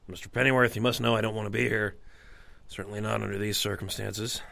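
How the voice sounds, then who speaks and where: A man's voice: lowish voice, steady tone, quick pace, gravelly, pushed and bright, exaggerated voice. A man playing an earnest, commanding police captain in a radio noir drama. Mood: reluctant, earnest.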